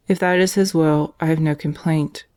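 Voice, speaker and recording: A woman reading a gentle, devout male prisoner. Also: low voice, steady tone, moderate pace, clean tone, natural voice. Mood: earnest. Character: calm, devout young male prisoner writing letters.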